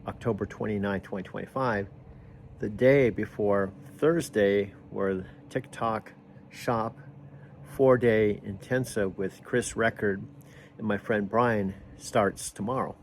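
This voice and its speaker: A man vlogging outdoors near his house, talking casually and excitedly to his camera. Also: on the low side, slow pace, a little hiss or hum.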